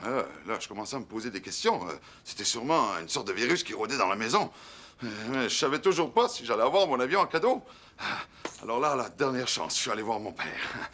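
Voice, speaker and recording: An actor with a Quebec French accent playing Crocus, a playful, excitable young clown telling a story on a children's TV show, with many hesitations. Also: male voice, medium pitch, brisk. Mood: storytelling. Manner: animated, many hesitations, shifting into other voices. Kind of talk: children's TV monologue.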